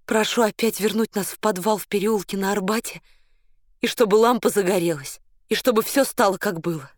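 A man voicing a devoted, defiant young woman in an audiobook, pleading in a high, strained voice. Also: brisk, no echo, clean studio sound, lightly acted.

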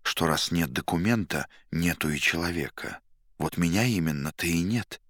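A man voicing a weary, timid middle-aged writer in an audiobook, soft and hesitant. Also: low-pitched, moderate pace, dry recording, clean studio sound.

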